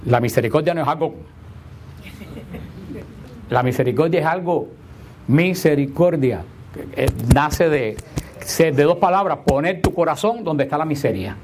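A male preacher gives a homily to his congregation in a slightly higher-than-usual voice. He leans on repeated rhetorical questions, slowing to stress key words and then rushing through asides. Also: expressive, noisy background. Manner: emphatic, repeats rhetorical questions, shifts between slow stress and quick asides.

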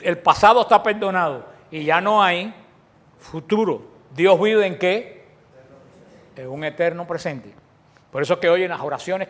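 Higher-voiced man preaching a sermon. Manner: asks the audience questions and answers them himself; restarts phrases often, with big swings in loudness.

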